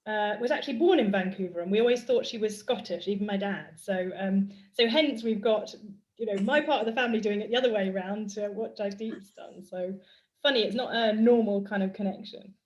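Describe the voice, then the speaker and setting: A woman from the UK hosting a casual interview, upbeat and excited. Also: medium pitch, fairly quick, highs cut off. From United Kingdom. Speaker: podcast host.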